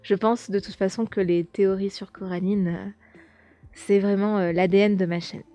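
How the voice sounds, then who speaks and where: A young woman hosts a podcast, casually chatting while reading viewer comments aloud, with plenty of fillers and restarts. Her voice is medium-pitched, warm, fairly even in intonation, and at a normal speed.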